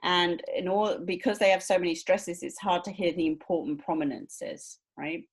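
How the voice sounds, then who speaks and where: A woman lecturer with a slightly low-pitched voice talks through her points step by step. She keeps checking in with her listeners by asking if they are following. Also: normal speed, slightly rough. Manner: explanatory, checks understanding with frequent "right?". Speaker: university lecturer. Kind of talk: recorded lecture.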